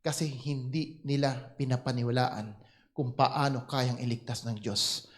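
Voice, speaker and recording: A male pastor with a Filipino accent, preaching and telling a personal story with animated delivery and English phrases mixed in. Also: mid-range voice, unhurried.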